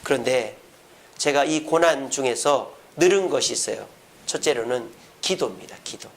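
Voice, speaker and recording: A male pastor delivers a sermon at a church prayer service, asking the congregation questions and then answering them himself. His voice is mid-range with some vocal fry and moves at a normal pace. When he quotes others, he acts the lines out in lively voices.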